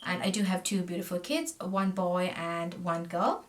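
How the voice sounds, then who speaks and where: This Sri Lankan makeup vlogger, in her thirties, has a lowish voice with lively intonation at a normal pace, chatting warmly to a nearby camera as she applies makeup and often trailing off mid-thought. The setting is a small room with a plain backdrop, and there is slight background noise.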